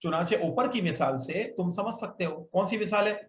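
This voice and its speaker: High-voiced man teaching with echoey sound. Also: a little fast, a crowd in the background. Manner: patient, repeats questions and asks students to say words back. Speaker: Arabic grammar teacher. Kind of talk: classroom lesson with call-and-response drills. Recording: echoey room, faint noise.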